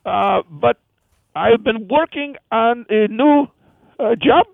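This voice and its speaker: Over a tinny phone line, a comedy caller, a man, performs a high, rasping Indian woman who is an amputee with transplanted hands. The heavily acted bit rambles along in halting, broken English with many fillers, and the recording is dry.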